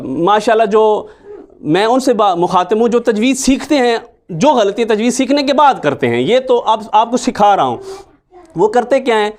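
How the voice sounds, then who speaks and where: A man, teaching a Quran recitation lesson and patiently repeating sounds to show them. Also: sits high. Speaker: religious teacher.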